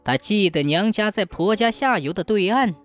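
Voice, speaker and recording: A woman narrating a folk ghost story in an expressive storytelling manner. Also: mid-range voice, normal speed, soft background music.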